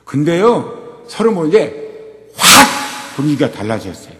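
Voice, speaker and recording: An older man telling a personal story in a sermon, moving between quiet asides and loud, acted outbursts. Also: on the high side, sing-song, a little slow. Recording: long hall reverb.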